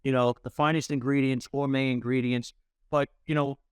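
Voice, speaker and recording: A man's voice: mid-range voice, flat delivery, normal speed, clean tone, no room sound. A man from New York City hosting a casual interview, chatty and filling his talk with "you know". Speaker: interview host.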